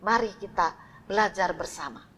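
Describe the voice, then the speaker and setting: A woman voicing a father who gently soothes and apologizes to his child in a devotional story. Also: medium pitch, moderate pace, husky. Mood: soothing. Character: father, first gruff, then softly apologetic.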